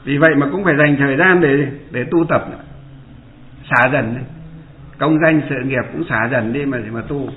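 A man's voice: medium pitch, normal speed. A man, a Buddhist monk giving a dharma talk and asking his listeners rhetorical questions. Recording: echoey room over a tinny line.

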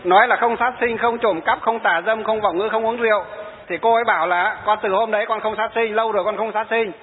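A man's voice: sits high, steady tone, fast. A man, a Buddhist monk giving a storytelling sermon and quoting his followers. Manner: storytelling, quoting followers and answering rhetorical questions. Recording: tinny phone-like sound in a reverberant hall.

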